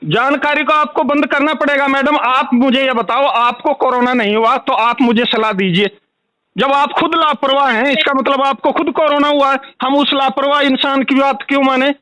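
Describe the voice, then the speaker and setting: Angry guy yelling at customer care, high sharp voice, phone call. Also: fairly even intonation, moderate pace, dry recording. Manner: furious, ranting, repetitive. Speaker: angry caller.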